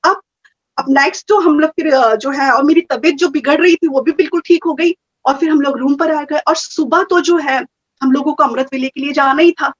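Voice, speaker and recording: A woman telling a personal story in a casual, animated way, slipping English phrases into her talk. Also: sits high, normal speed. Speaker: guest sharing experiences. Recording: muffled, dull audio.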